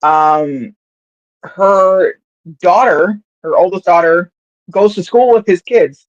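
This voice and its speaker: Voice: mid-range voice, slow pace. A podcast co-host telling a story in casual sports chat, rambling with fillers and restarts. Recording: dull, slightly lo-fi audio.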